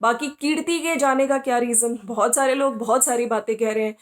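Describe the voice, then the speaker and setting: A woman's voice: fairly high pitch, fairly even intonation, fairly quick. A woman hosting a podcast who comments on social media gossip, scolding the people she talks about directly and asking them rhetorical questions. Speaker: podcast host.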